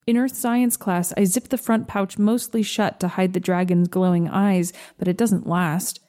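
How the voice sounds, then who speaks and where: A woman narrating a first-person story in a slow, gentle, measured reading. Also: medium pitch, steady tone.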